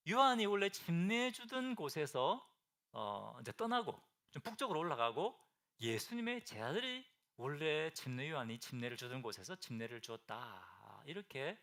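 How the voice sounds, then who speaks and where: Mid-sermon in a church sanctuary, a preacher with a high, bright, gravelly voice keeps posing questions to his congregation. His inflection climbs and dips lively, and he shifts from booming moments to quiet, hushed phrases.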